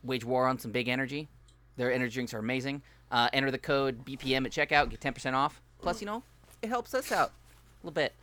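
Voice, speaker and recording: A man's voice: medium pitch, fast, sharp tone. A young man hosting a casual podcast, upbeat and jokey, running through plugs in a loose, easygoing way. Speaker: podcast host.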